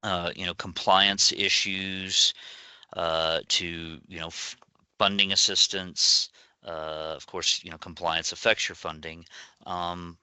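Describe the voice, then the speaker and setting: A man presenting as a state equity ombudsman in a webinar, halting with many fillers and restarts. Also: deep voice, flat delivery, pushed and bright, clear, resonant tone, no echo. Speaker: rural and frontier equity ombudsman.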